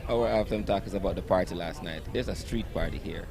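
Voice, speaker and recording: A man's voice: sits low, fast talker. A man co-commentating live on a rugby match at an outdoor ground, playful and chatty. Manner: playful, chatty, laughs easily. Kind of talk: live sports commentary and chat. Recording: loud crowd behind.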